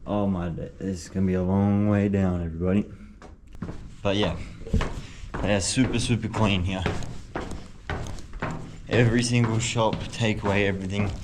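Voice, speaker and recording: Young swearing Aussie travel vlogger. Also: male voice, on the low side, fairly even intonation, normal speed, pauses often. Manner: casual, swears a lot, jokey. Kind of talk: casual vlog narration. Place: exploring historic buildings and a cave, partly indoors. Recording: noisy handheld travel recording.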